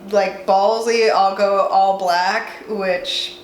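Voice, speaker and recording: This young vlogger talks very slowly, in a steady mid-range voice, nasal with a cold as she rambles and teases herself at home. She's from the southwestern United States, and the room sounds echoey with a little background noise.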